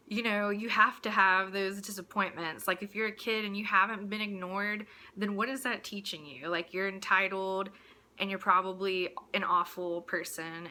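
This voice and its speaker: This woman's mid-range voice is bright and forceful as she hosts a rant about her own views. She speaks casually yet bluntly and crudely, exasperated, mocking things along the way.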